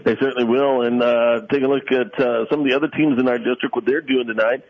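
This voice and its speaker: A man announcing a high school football game in a loud, dense radio voice, chatting through scores and schedules with frequent fillers. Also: fairly even intonation, fast talker, a little hiss or hum. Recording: dull radio broadcast audio.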